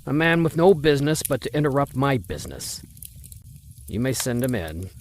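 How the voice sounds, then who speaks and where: This clip features a male voice actor as Mister Spencer, the stern and condescending rich older father who refuses a suitor in an old-time radio drama. He speaks at normal speed in a medium pitch with big swings, over faint background noise.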